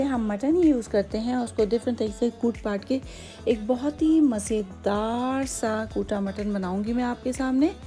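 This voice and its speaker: A Hyderabadi-accented woman hosts a home cooking tutorial, her voice a touch high and mellow. She talks in a chatty, patient way, explaining each step with many asides. Soft music plays faintly behind her. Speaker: cooking channel host.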